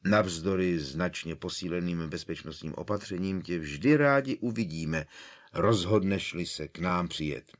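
A man voicing a calm, kindly old male headmaster wizard with a gentle, dry humor. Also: low voice, lightly acted.

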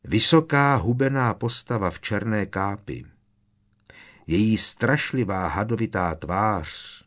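A man narrating an audiobook with a lively, expressive reading. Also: fairly low pitch.

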